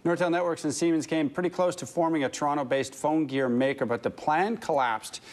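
Male business news anchor, steady live delivery. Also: on the high side, fairly quick.

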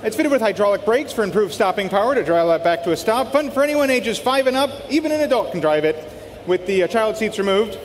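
High-voiced man presenting lots in echoing hall. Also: animated, fast. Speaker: auction co-presenter describing lots. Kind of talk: live lot presentation, upbeat scripted description. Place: large auction hall. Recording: echoey hall PA, background noise.

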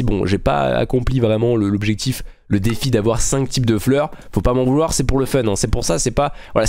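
A man's voice: medium pitch, a little mellow, dry recording. Chatty man narrating his gameplay. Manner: chatty, thinking aloud while building; friendly, addresses viewers directly. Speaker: gaming channel host. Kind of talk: casual gameplay commentary.

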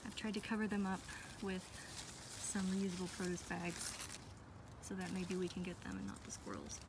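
This American vlogger's voice sits fairly low and her delivery is flat, though her garden tour narration is casual, chatty and enthusiastic at a normal speed. She's outdoors in a backyard garden, filming on a handheld phone behind the camera, and there's background noise.

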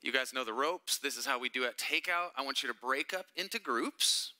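A man's voice: medium pitch, a little fast, bright, forceful tone. A man leading a church Bible study, teaching casually with chatty, joking asides to the group. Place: church meeting room.

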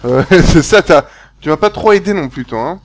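A man giving casual commentary on a game he plays, excitable, chatty and quick to yelp. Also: fairly high pitch. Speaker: gaming YouTuber. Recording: game noise behind voice.

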